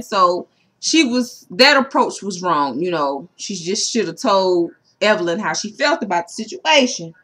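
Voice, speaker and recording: A woman's voice: medium pitch, sharp tone. A woman in a casual vlog, recapping a reality show episode for her viewers and saying "you know" constantly. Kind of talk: casual chat to camera.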